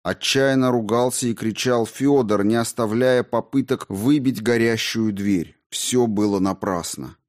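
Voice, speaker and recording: Brief: male audiobook reader, steady and measured narration. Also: mid-range voice. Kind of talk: scripted narration.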